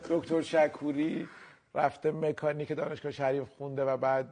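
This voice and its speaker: A man's voice: fairly high pitch, level tone, crowd noise. A male talk show host, interjecting with reactions and comments. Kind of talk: casual interview.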